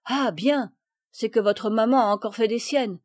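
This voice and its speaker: A woman reader plays a blunt old peasant gardener in a storybook, raised and high in her voice, talking in rustic country speech. She scolds loudly, and the dry, close sound keeps every word close. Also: normal speed, no echo, lightly acted. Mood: chatty. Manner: loud, scolding, high-pitched.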